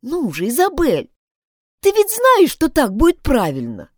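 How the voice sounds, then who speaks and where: Earnest honest schoolgirl in a storybook, a woman doing her, high lively voice, dry sound. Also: measured pace, dry recording, full character voice. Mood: urging. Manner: reproachful, urging.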